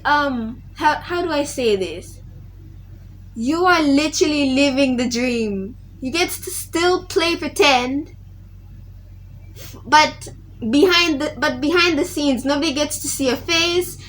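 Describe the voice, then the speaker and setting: A teenage girl vlogger talks casually to her viewers in a tribute video, rambling and often restarting her sentences. Her voice is high-pitched with a fairly bright tone.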